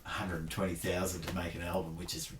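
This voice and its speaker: A man's voice: low voice, flat delivery, quick pace, echoey room, a little hiss or hum. Aussie guy in his 30s, chill self-deprecating chat, sounds far from the mic. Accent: Australian. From Australia. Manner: laid-back, self-deprecating, drawling with "like". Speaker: podcast guest. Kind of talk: casual chat.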